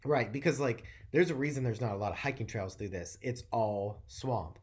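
A man's voice: mid-range voice, normal speed. A man from North Carolina, co-hosting a show and telling a story in casual chat, rambling and swearing freely with lots of fillers. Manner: rambling, profane, animated storytelling with many fillers.

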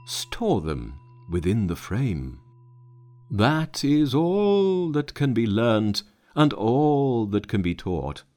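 A man voicing an old male patriarch teacher who speaks slowly and solemnly, drawing out each phrase. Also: medium pitch, darkish tone. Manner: slow, solemn, drawn-out recitation.

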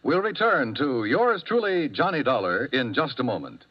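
A man's voice: mid-range voice, very animated, moderate pace, music in the background. A man announcing a 1950s radio drama in a formal, declamatory way. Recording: dull old radio broadcast.

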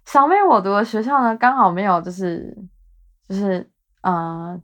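A woman in her twenties, speaking Mandarin with a Taiwanese accent, hosts her podcast in an expressive, fairly bright, medium-pitched voice at normal speed. It's a rambling, casual chat laced with self-mockery.

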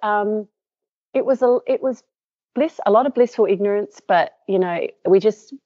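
A woman's voice: medium pitch, moderate pace, warm tone, dry recording. A middle-aged Australian woman, a company co-founder telling her story in an interview, rambling with many fillers and restarts. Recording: dull lo-fi sound.

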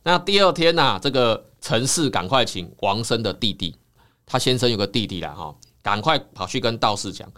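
Man, counseling psychologist guest, dramatic podcast storytelling, bright tense tone. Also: medium pitch, expressive, normal speed.

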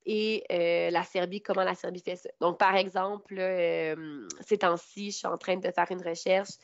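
A woman's voice: lowish voice, steady tone, moderate pace, no room sound. Young woman, Québécois French accent, hesitant with fillers, laughs often, dry, dull lo-fi sound. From Canada. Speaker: interviewee, law intern. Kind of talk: casual interview answers. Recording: dull lo-fi recording.

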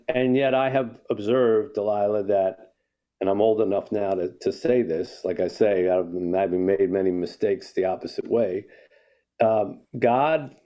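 A man's voice: fairly low pitch, dark tone, muffled recording. An older man, an author guest in a conversational interview, telling a story and reflecting, often restarting his sentences.

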